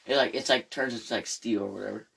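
A man's voice: fairly low pitch, fairly even intonation, quick pace, gravelly, a bit bright, breathy edge. A young man in casual chat, laid-back and teasing, rambling when he explains things.

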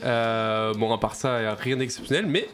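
A man's voice: medium pitch, normal speed, fairly bright tone. A man co-hosting a pop culture podcast, presenting music news in casual chat, hesitating with many fillers and joking. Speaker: podcast co-host, music segment.

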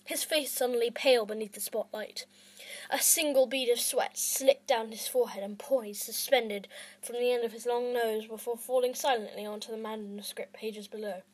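A woman's voice: on the high side, fairly even intonation, normal speed, rough recording. A woman hosting her own podcast, reading a storybook aloud in an amateur, self-conscious way that stumbles over words. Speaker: podcast host and reader.

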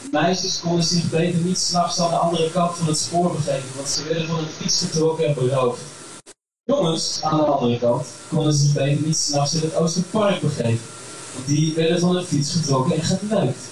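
A man telling a first-person story on stage in a frank, crude and wryly humorous way. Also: fairly high pitch. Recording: very echoey room, mic far off, clear background noise.

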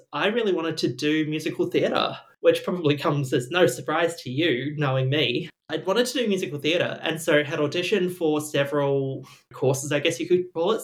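A woman from New Zealand with a New Zealand accent, a guest telling her story in a candid interview, blunt and self-mocking with frequent laughter. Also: low-pitched. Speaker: podcast guest, employment lawyer.

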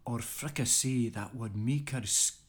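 A man's voice: medium pitch, unhurried, close to an everyday voice. An Irish man putting on a Scottish accent to recite old Scottish verse in a theatrical, rolling delivery. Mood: declaiming. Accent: put-on Scottish. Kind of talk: poetry recital.

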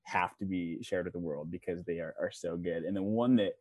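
A man's voice: deep voice, fairly quick, a little mellow, dry recording. A man hosting a podcast, joking with his guest and setting up a story. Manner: jokey, laughs easily. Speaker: podcast host. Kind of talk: casual podcast chat.

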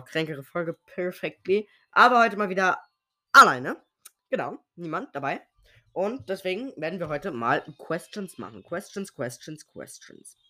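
A man's voice: fairly high pitch, sharp tone. A young man who is sick with a sore throat gives casual, slangy solo commentary on a game, muttering to himself as he plays. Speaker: host of a gaming podcast.

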